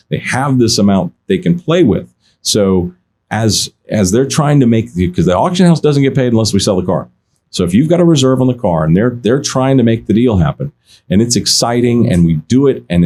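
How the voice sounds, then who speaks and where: A fairly low-pitched man from the car auction business swaps stories in an easygoing podcast chat. His animated anecdotes feature many restarts and quotations from other people.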